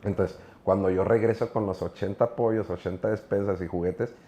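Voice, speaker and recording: A man's voice: on the low side, fairly even intonation, normal speed, dark tone, lo-fi sound. A middle-aged man with a Mexican accent, a preacher telling stories in an interview, earnest and rambling with many filler words. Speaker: guest preacher. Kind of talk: casual interview storytelling.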